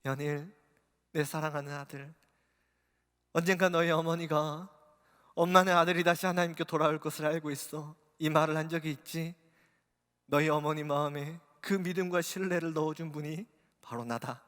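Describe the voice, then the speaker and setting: A preacher voicing tender loving Jesus. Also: male voice, fairly high pitch, fairly even intonation, moderate pace, natural voice. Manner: gentle, pleading. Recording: long reverb of a church hall.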